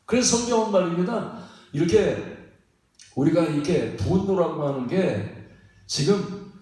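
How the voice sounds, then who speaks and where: A man's voice: on the high side, expressive, measured pace, darkish tone. A man preaching a sermon as pastor in a folksy, repetitive way, chuckling between phrases and often prodding the congregation for a reply. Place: church sanctuary. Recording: very echoey hall, mic at a distance.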